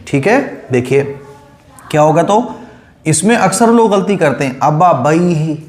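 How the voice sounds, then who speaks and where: A man leads a Quran reading class, patient and repetitive, stretching syllables slowly to show how they sound. His voice sits a little high for a man. The sound is echoey, as if he is in a bare room. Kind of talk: online recitation lesson.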